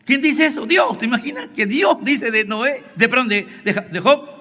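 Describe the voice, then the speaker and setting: A man's voice: extremely high pitch, lively intonation, moderate pace, sharp tone. A male pastor preaching a sermon to a youth service, often checking in with the congregation through rhetorical questions. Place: church hall. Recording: livestream in a reverberant church hall.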